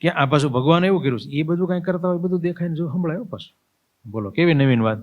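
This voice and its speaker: A man's voice: fairly high pitch, racing, phone-quality sound. A man, a swami, giving a spiritual discourse as vivid storytelling and acting out scenes. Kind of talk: spiritual sermon.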